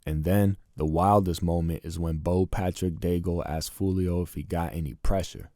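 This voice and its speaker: A man narrating scripted commentary in an indignant, deliberate tone. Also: deep voice, steady tone, dark tone, no room sound, clean studio sound.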